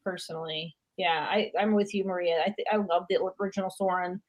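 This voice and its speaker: A woman's voice: lowish voice, steady tone, fairly quick, a loud crowd, poor audio. A woman hosting a live stream, upbeat and chiming in with short agreements. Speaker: host. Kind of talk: casual chat on a live stream.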